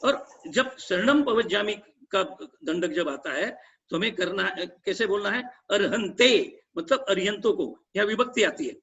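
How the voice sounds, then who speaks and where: A man's voice: sits high, lively intonation, moderate pace, creaky, fairly bright tone, slightly rough, highs cut off. A man giving a religious lesson, patiently explaining prayer pronunciation, repeating himself and chanting short prayer phrases. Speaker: religious teacher.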